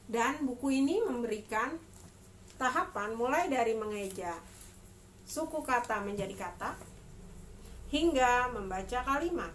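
A woman's voice: fairly high pitch, animated, measured pace, long pauses, recorded from a distance. A woman in her thirties giving instructions to parents as a mother teaching reading, enunciating each phrase carefully. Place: small room at home, indoors. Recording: clear background noise, room ambience.

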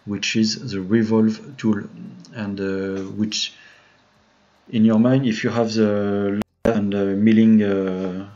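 Speaking slowly in a warm, lowish voice, a French-accented man guides viewers through a modeling tutorial on a live stream. He hesitates a lot, filling pauses with "uh," restarting sentences, and staying friendly toward the chat. The sound is dull and lo-fi.

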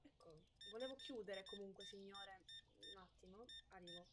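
A woman's voice: medium pitch, moderate pace, very noisy. A young adult woman giving chatty, dramatic commentary on a supermarket game while talking to her chat. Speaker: streamer playing a supermarket game. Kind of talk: casual gameplay commentary.

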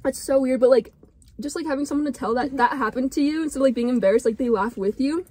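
A teenage girl chatting in a car, bubbly and giggly with quick asides. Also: high voice, warm tone, husky, no room sound. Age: teens. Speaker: co-host. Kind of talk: casual car chat. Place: inside a car.

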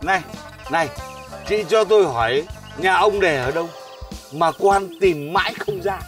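A pompous retired mandarin with a lively voice. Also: male voice, a little high, moderate pace, faint music behind. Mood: indignant. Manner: pompous, bossy, shouting threats. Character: blustering retired male village mandarin, pompous and hot-tempered. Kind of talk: folk comedy TV acting.

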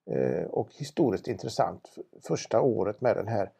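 A man's voice: fairly low pitch, sing-song, vocal fry, mellow, husky. A man presenting a car for auction in a casual, knowledgeable chat, with frequent restarts. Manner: knowledgeable, chatty, many restarts.

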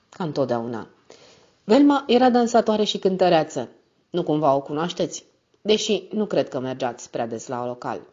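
A woman reading a novel aloud as a steady, measured first-person narrator. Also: sits low. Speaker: audiobook narrator. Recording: slightly muffled recording.

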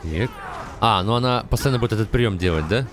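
Young guy doing lets play, lowish voice, short casual reactions, game music in back. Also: brisk. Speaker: gamer commentator. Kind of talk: casual live gameplay commentary. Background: fighting game music and effects.

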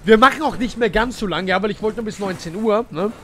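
Male streamer, high and bouncy voice, faint hiss behind him; restless, mutters, then bursts out loud. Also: fast. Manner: chatty, talks to chat and himself, swings from mumbling to loud outbursts. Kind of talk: live gameplay commentary.

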